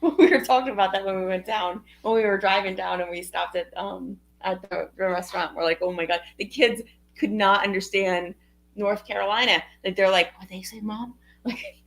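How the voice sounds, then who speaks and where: A woman with a New Jersey accent co-hosting a casual livestream chat, talkative and quick to laugh. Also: mid-range voice, steady tone, gravelly, a bit bright. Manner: chatty, laughs often, loses her train of thought. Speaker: co-host.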